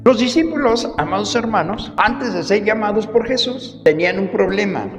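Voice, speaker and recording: A male preacher giving an animated sermon in a church, repeating words and swinging between loud and hushed. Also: sits high, normal speed. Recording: reverberant hall, faint music.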